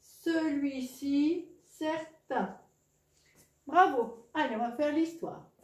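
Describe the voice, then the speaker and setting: A woman's voice: high-pitched, slow pace, reverberant. A woman teaching a reading lesson to young children, patient and encouraging.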